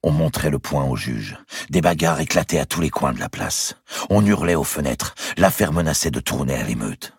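A man narrates a historical audiobook in a very deep, gravelly voice with lively intonation. The sound is husky and dry, recorded close to the mic. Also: dry recording. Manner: measured storytelling.

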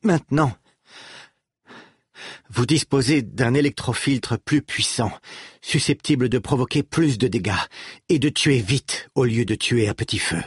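Audiobook: man voicing a pointed, accusing woman scientist; raised pitch, dry close sound. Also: measured pace, pauses often, slightly rough, no room sound. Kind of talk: audiobook reading.

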